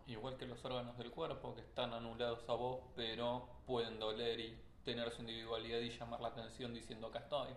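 A man's voice: mid-range voice, completely flat delivery, fairly quick, hardly any pauses. A man, a student giving short answers in class. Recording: far from mic, echoey room, faint noise.

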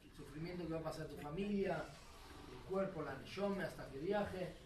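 A man voicing a grave old rabbi, quiet and low. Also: moderate pace, lightly acted. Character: stern elderly male rabbinic leader. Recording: roomy, distant and noisy.

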